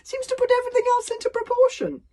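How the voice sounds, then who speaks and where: A woman voicing a huge, sly, philosophical male dragon who talks slowly and theatrically, with cheerful menace. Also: very high voice, animated, creaky, warm tone, voice pushed up, heavily acted. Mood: grand.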